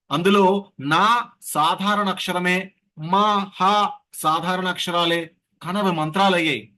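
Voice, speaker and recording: A man teaching an online voice class, leading the group through breathing and syllable drills. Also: high-pitched. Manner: lively, leads breathing and sound drills. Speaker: voice coach. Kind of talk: online voice workshop lecture. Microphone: video call.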